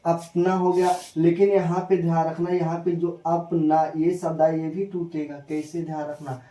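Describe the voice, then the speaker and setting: A man teaching a spelling lesson, repeating himself and firing quick questions at his viewers. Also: a little high, little pitch movement, dark tone. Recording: echoey room, voice from a distance.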